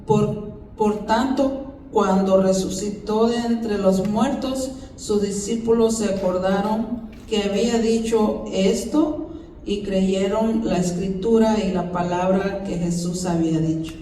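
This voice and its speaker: A man from the congregation reads scripture aloud, slow and halting, restarting words as he goes. His voice is dark and mellow. He is heard from well off the mic in a strongly echoing hall, with a faint noise behind. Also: high voice, fairly even intonation. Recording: echoey church hall, voice far from the mic.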